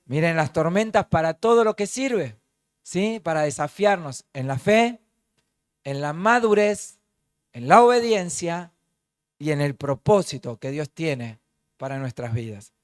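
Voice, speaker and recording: Man, pastor, Rioplatense accent, high voice, emphatic sermon delivery, rhetorical questions, dry close sound. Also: lively intonation, a little slow, no room sound. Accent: Rioplatense Spanish. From Argentina. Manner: emphatic, stretches key words and asks the congregation rhetorical questions.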